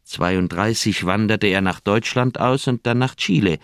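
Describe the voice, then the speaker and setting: In a German radio crime drama, an actor plays a conscience-stricken old doctor, speaking earnestly with a heavy, troubled and reluctant manner. The older male voice is fairly low and smooth at a measured pace, in clean studio sound with no echo.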